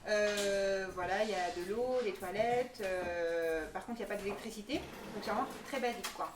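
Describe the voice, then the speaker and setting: A woman's voice: mid-range voice, moderate pace. A woman giving an informal spoken presentation of a project and answering questions. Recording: echoey room, distant mic, faint noise.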